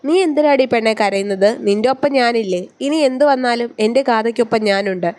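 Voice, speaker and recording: A woman voicing a firm, protective young husband in a read-aloud story, speaking calmly and steadily. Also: a little high, brisk, close to an everyday voice.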